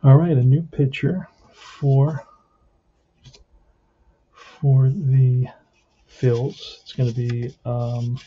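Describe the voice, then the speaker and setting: A man's voice: mid-range voice, flat delivery, very slow, pauses often, mellow, husky. A man giving casual play-by-play of a tabletop baseball game, thinking aloud as he plays. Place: indoors at a tabletop. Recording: muffled lo-fi, faint noise with clicks.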